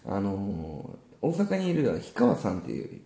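A man co-hosting a casual podcast chat, telling about his gigs in a relaxed, rambling way with many fillers. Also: lowish voice, a little slow, vocal fry, echoey room. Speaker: musician co-host.

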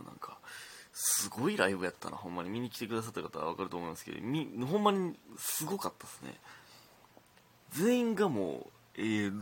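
A young Kansai man hosting his own comedy talk show, rambling through stories in a casual monologue. His voice sits low and a little husky, and it bounces around a lot as he gets into the telling. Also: fairly bright tone. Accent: Kansai Japanese. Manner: chatty, rambling storytelling with frequent restarts.

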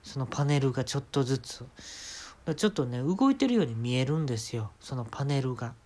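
A man's voice: medium pitch, lively intonation, fast talker, a little mellow. A man with a Kansai Japanese accent hosting a podcast, telling an absurd comic story and giving mock-serious instructions in a casual monologue. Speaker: podcast host.

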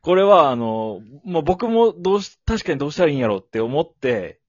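A relaxed man chatting easily on a podcast, his voice bouncing up and down with a slightly husky edge. He laughs often. The sound is dry and a little muffled, like a home lo-fi recording. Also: on the high side, fairly quick, dry recording. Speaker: co-host. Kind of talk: casual podcast chat.

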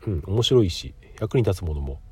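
Here a middle-aged man with a head cold runs a relaxed solo podcast. His husky, low-sitting voice sounds nasal and blocked up, and he is expressive and brisk, explaining courteously while often stopping for filler words.

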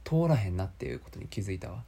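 A young man with a Kansai accent, rambling through a casual, self-mocking solo podcast in a low voice. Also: sing-song, very fast, vocal fry, mellow, slightly rough. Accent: Kansai Japanese. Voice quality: low speaking voice.

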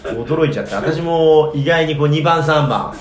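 A man's voice: on the high side, normal speed. A Japanese man hosting a casual chat show, joking and laughing often. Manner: jokey, animated, laughs often. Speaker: podcast host. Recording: echoey room with faint background noise.

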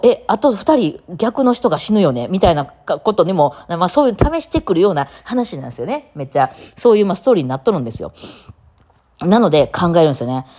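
Fast, lively Kansai woman chatting. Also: low voice. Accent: Kansai Japanese. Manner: chatty, rambling, laughs often, many fillers. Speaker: podcast host. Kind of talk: casual solo talk.

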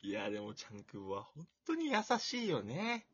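Man, self-deprecating casual chat, animated pitch, dry close sound. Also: normal speed, breathy edge, no echo, lo-fi sound. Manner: playful, self-deprecating, rambling.

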